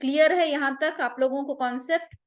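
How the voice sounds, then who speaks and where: A woman's voice: high-pitched, steady tone, fairly quick. A woman teaching a Quran recitation class online, patiently drilling sounds with repeated vowel examples.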